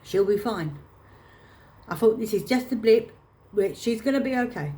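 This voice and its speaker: A woman telling a painful personal story to camera, halting and restarting her phrases as she holds back emotion. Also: fairly high pitch, lively intonation, dark tone. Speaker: vlogger.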